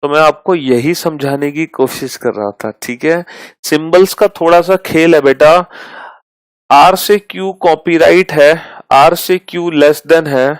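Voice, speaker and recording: Patiently going over each step of a math lesson, a male teacher speaks fondly to his students and reads out terms slowly and deliberately. His fairly high, smooth voice comes through a rough recording with no room sound.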